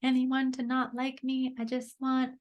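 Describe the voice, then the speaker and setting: A woman's voice: high voice, completely flat delivery, measured pace, a little mellow, pitched above the performer's own voice. A woman voicing her own anxious, people-pleasing little-girl self, pleading to be liked.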